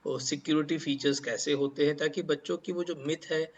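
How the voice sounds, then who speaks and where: A man's voice: fairly high pitch, steady tone, a little fast, muffled recording. A man hosting an interview, asking his guest questions politely and calling him sir. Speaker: host.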